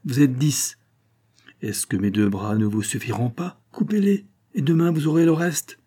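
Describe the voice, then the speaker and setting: A man's voice: medium pitch, normal speed, mellow, breathy edge, pitched above the performer's own voice, close to an everyday voice. A man voicing an older father who speaks with firm, unbending energy as he faces death, in a dramatic audiobook reading. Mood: grim resolve.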